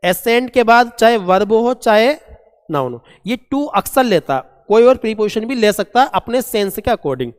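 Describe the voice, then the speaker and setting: A man teaching a vocabulary lesson, asking and answering his own questions and reading English examples out slowly. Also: sits high, animated, clean tone. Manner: asks and answers his own questions, calls students "beta". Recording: long echoing reverb.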